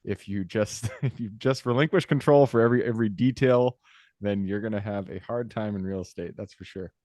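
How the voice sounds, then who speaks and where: A man hosting a podcast interview over a video call, upbeat and agreeable, with quick interjections. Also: on the low side, darkish tone, dry recording, studio quality. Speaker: podcast host. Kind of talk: casual interview.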